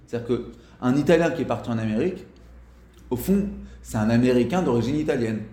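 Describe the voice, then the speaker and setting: A man giving a casual spoken lesson as a religious teacher, talking in a halting way with frequent restarts and fillers. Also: mid-range voice, lively intonation, mellow, reverberant.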